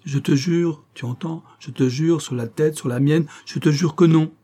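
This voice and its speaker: Guy reading the part of a desperate young woman pleading her case, dark husky voice, storybook. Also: fairly high pitch, normal speed, pitched above the performer's own voice, close to an everyday voice. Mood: defensive. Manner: urgent, defensive pleading.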